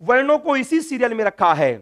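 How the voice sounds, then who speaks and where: A man's voice: very high-pitched, sing-song, brisk, a bit bright. A man teaching Sanskrit grammar in a classroom lecture, drilling letters one by one and answering his own questions.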